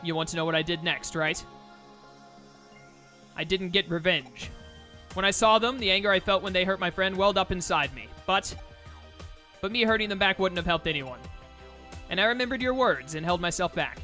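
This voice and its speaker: A man voicing an earnest fox creature from a video game, speaking sincerely and in measured phrases. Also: high-pitched, pushed and bright, soft background music. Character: earnest fox creature, once vengeful, now grateful.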